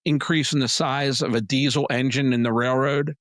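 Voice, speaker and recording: A man answering interview questions, emphatic and plain-spoken, his voice worn and going hoarse. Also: normal speed, dry recording. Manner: emphatic, plain-spoken, animated pitch jumps. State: losing his voice. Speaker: PR agency head, guest.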